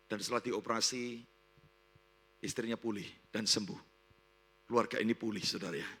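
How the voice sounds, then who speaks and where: Man, pastor, very bright voice, sermon storytelling, dramatic voice swings. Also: poor audio. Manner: animated, acts out the people in his story in raised and lowered voices; calls the congregation "saudara" again and again.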